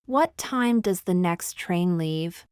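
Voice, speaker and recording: Woman, lesson read-out, very slow and careful, smooth clean voice, dry sound. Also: on the low side, animated, darkish tone, no echo. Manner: slow, deliberate, one phrase at a time. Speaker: language teacher. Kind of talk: reading example phrases for learners.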